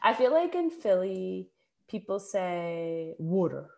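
Her voice is lowish, gravelly and somewhat dark, with a sing-song lilt and a slow pace. She's a dietitian from the Philadelphia area co-hosting a podcast, and despite a stuffy, congested voice she chats casually and laughs a lot.

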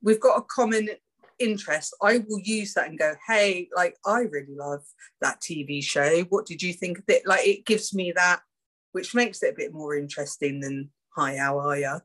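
Woman on a podcast, kinda low voice, easygoing, laughs along. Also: a bit bright. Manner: easygoing, gives advice, quick to laugh along. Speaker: podcast co-host. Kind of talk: casual chat.

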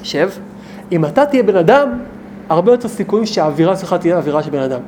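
A rabbi, a man with a notably high voice, teaching a small group. He talks in an animated, emphatic way and keeps putting rhetorical questions to his listeners, with faint noise in the background.

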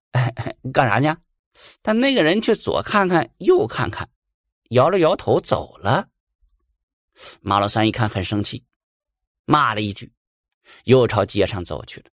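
A man narrating a folk ghost story in a lively, colloquial way. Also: mid-range voice, no room sound, studio quality.

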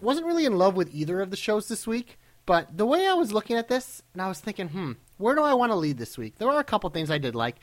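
A man co-hosting a podcast in casual fan banter, excitable and a little showy. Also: sits high. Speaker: podcast co-host.

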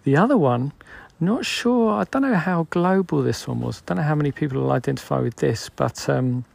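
A British man in his forties hosts a solo podcast with a gravelly, husky voice. He thinks aloud in a loose, meandering monologue, wandering from point to point as ideas come to him. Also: mid-range voice, expressive, a little fast, a little mellow, no echo. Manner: musing, loosely planned, rambling. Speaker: podcast host.

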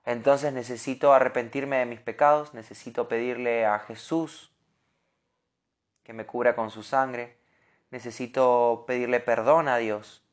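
A man with a Rioplatense Spanish accent delivers a devotional sermon in an earnest, animated way. He speaks at a middle pitch and often repeats a word as he restarts a thought. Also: measured pace. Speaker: preacher.

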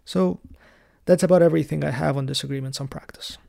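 A man hosting a solo teaching podcast, explaining church history in a calm, lightly wry way. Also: fairly high pitch, fast. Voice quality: gravelly. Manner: raised in the Coptic Orthodox Church. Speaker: podcast host.

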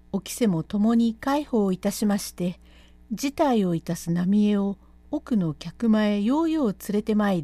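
A woman reading aloud a classic spoken storytelling text in measured, old-fashioned narration. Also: on the high side, mellow, no echo.

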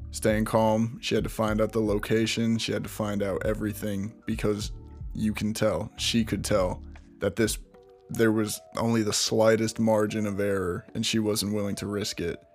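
A man hosting a true crime podcast narrates a case in a casual, conversational storytelling style, often restarting and adding asides. His lowish voice is flat and measured, with soft music in the background.

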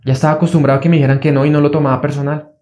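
A man's voice: flat delivery, rapid-fire, a little mellow. A man giving an earnest motivational self-help talk, repeating key phrases for emphasis. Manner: earnest, repetitive, acts out a fearful inner voice in a higher pitch. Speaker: motivational speaker.

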